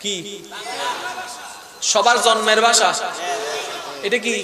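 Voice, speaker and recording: A man with a Chittagong-tinged Bangladeshi accent preaching a fiery sermon, shouting and chanting in a sing-song rise while calling on the crowd to answer. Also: sits high, flat delivery, slow. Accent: Bangladeshi Bengali, Chittagong. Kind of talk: fiery Bengali religious sermon. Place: outdoor gathering with a large crowd. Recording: echoey loud public address with crowd noise.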